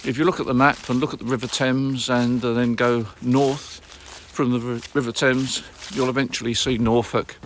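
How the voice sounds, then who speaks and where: A man's voice: medium pitch, flat delivery, moderate pace, hardly any pauses, a little hiss or hum. British man, casual amateur radio vlogger. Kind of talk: casual radio contacts and commentary to viewers.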